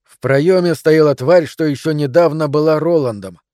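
Man reading a dark audiobook. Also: a little high, no room sound, clean studio sound. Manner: measured, dramatic reading. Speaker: audiobook narrator. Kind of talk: scripted narration.

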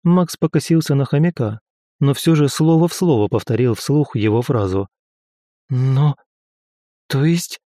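A man narrating a fantasy audiobook in an even, measured storytelling manner. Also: mid-range voice, dry recording, clean studio sound.

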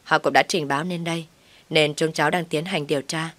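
A woman reading as a calm, polite policeman. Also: low-pitched, a little fast, dry recording.

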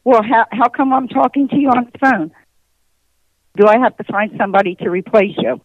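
A woman's voice: a little high, fairly quick, no echo. A woman posing as someone's boss on a prank phone call, heard over the phone and repeating the same insistent lines. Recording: muffled phone line.

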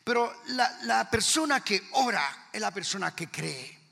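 A man's voice: high voice, very animated, a little slow, vocal fry, sharp tone, husky, long reverb tail. A man with a Colombian accent preaching a fervent sermon to his congregation in church, firing rhetorical questions at the listeners. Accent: Colombian Spanish. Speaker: pastor.

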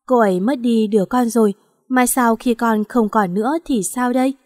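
A woman voicing a gravely ill young husband who talks with sorrow and pleads. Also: a little high, moderate pace, darkish tone, studio quality, close to an everyday voice. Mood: desperate. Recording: long hall reverb.

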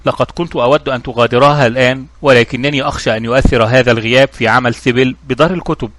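A man voicing a calm, shrewd young investigator in a storybook reading, with measured, questioning speech. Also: mid-range voice, a little hiss or hum, lightly acted.

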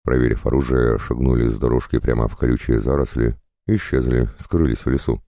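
A man's voice: rumbling low, steady tone, brisk, gravelly, dark tone, dry recording, clean studio sound. A man reading a dramatic adventure story aloud, giving the characters small shifts of voice. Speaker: audiobook narrator. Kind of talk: dramatic audiobook narration.

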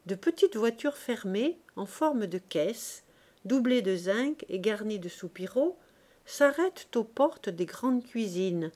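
A woman with a medium-pitched voice reads a classic novel for an audiobook, delivering it in a measured, expressive way.

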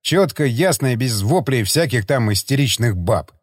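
A stern, guarded sergeant, as a male audiobook reader voices him, close to the reader's own voice. He talks with lively pitch movement. The sound is dry. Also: moderate pace, breathy edge, no echo. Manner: stern, hissing when angered.

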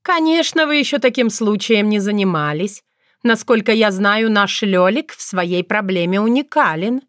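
A woman's voice: mid-range voice, expressive, moderate pace, no room sound, clean studio sound, natural voice. A woman voicing an elderly fox grandmother who sounds sugary and then snaps into stern, domineering commands. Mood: gracious. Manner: honeyed then sharply bossy. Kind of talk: audiobook character voice.

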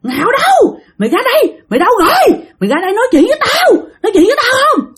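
A woman's voice: big pitch swings, brisk, heavily acted. A woman voicing an old male drowned ghost possessing a young woman, growling and threatening. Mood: furious shouting. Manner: growling, threatening, shouting high. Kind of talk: storytelling.

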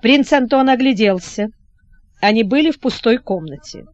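A woman reading a historical novel aloud as narrator, in a measured, dramatic storytelling manner. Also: fairly high pitch, lively intonation, no echo, dull audio. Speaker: audiobook narrator.

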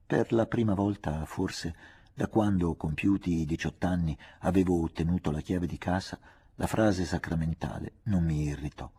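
A man with a husky voice narrating a literary novel as an audiobook, measured, reflective and restrained. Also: low-pitched, warm tone. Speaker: audiobook reader.

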